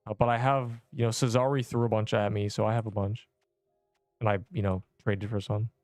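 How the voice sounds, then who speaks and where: A man's voice: fairly low pitch, fairly quick, no room sound, studio quality, faint music behind. Young guy streaming a game, hyped and jokey, talks to chat nonstop. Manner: excitable, jokey gamer slang, chatty. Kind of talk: casual livestream commentary.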